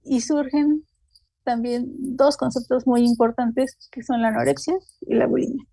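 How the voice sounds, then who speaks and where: A woman with a Mexican Spanish accent gives an academic seminar talk, loosely read, in a mellow, somewhat high voice with vocal fry and fairly even intonation. There's no room sound. She halts frequently, filling gaps with "este" and "eh."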